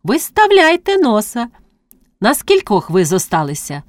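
A woman's voice: on the high side, huge pitch swings, unhurried, no echo, clean studio sound. A woman doing a chirping playful priest's wife. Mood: playful, excited. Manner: chirping, teasing. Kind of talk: audiobook reading.

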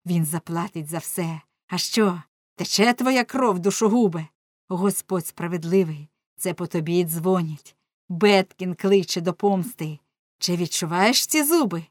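A woman playing a grieving storybook mother gone wild with vengeance, shouting loud and hard. The voice is dry and close to the mic. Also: lowish voice, measured pace, dry recording. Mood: vengeful.

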